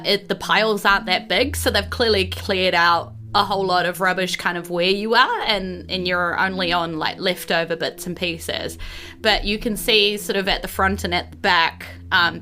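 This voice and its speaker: A woman with a New Zealand accent improvises narration as a tabletop game master and podcast host, her voice lowish, bright and forceful. She talks in a conversational, descriptive way, hedging with "kind of" and "sort of," while faint music plays behind her.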